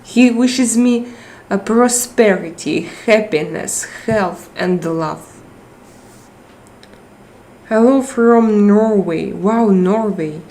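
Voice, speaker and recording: Her pitch is medium and her tone warm, though the audio quality is poor. A middle-aged woman with a Russian accent, she chats casually on a live stream using a tablet microphone, repeatedly pausing and beginning again as she gropes for words.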